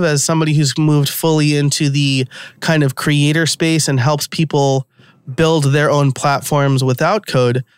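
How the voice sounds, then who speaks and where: A man's voice: fairly high pitch, clear, resonant tone, no echo. A middle-aged man with a New York accent, hosting a casual, conversational podcast interview. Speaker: podcast host.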